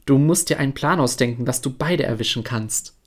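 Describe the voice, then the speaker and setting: A man's voice: medium pitch, a little fast, close to an everyday voice. A man voicing a wicked, greedy wolf in a fairy tale, asking sly, coaxing questions.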